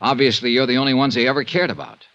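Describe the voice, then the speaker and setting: The voice is medium-pitched, gravelly and fairly bright, fast-talking with fairly even intonation. An American actor narrates and plays scenes as a blunt, weary insurance investigator, pressing and frank, in a dull, band-limited 1950s radio serial recording.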